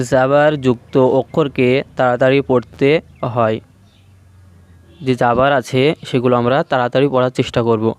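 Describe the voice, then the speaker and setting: A man teaching Quran reading, slowly naming each Arabic letter and its vowel sound. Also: mid-range voice, smooth, no room sound. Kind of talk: slow step-by-step recitation lesson.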